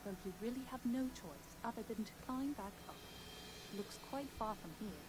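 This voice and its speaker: A woman's voice: fairly high pitch, expressive, moderate pace, close to an everyday voice. Unearthly spirit woman, voiced by an actress, noisy ambience. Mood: coaxing. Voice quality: unearthly, airy disembodied voice. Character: mysterious female wisp spirit, coaxing, teasing guide.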